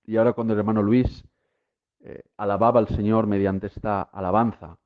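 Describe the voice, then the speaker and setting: A man's voice: on the low side, flat delivery, fairly quick. A man preaching a sermon to listeners at home, emphatic, with repeated refrains that build to impassioned peaks. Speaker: lay preacher. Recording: tinny phone-like sound.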